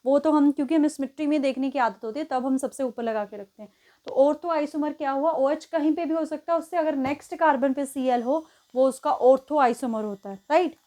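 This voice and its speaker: High-voiced woman teaching chemistry. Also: fairly quick, dark tone. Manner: explains step by step, counts positions aloud, often checks with "ठीक है". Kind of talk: exam-prep lesson at a board.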